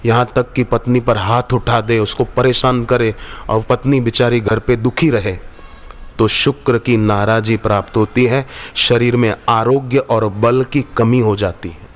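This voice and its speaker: A man's voice: medium pitch, steady tone, unhurried. A man giving a devotional sermon at an ashram gathering, quoting Sanskrit verses and acting out bits of dialogue as he tells stories. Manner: storytelling, quotes Sanskrit verses, acts out dialogue. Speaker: spiritual teacher.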